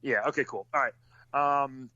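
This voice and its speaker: A man's voice: mid-range voice, a little slow, sharp tone, no echo. A man who races cars, chatting casually and rambling with lots of fillers and restarts. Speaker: racing driver. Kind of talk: casual chat. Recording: dull lo-fi sound.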